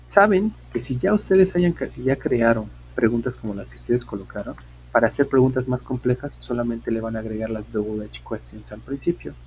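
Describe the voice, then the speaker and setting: A man's voice: medium pitch, a little mellow, a little hiss or hum, low-quality recording. A man, teaching an online English class, explaining patiently, repeating points and asking his students questions.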